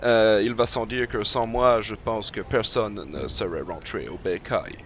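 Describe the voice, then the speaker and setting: A man's voice: lowish voice, unhurried, a bit bright, slight background noise. A man playing a boastful celebrity chef in a tabletop game, pompous and dropping phrases into his speech. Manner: pompous, self-important, mixing English phrases. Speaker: player. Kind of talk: tabletop role-play in character.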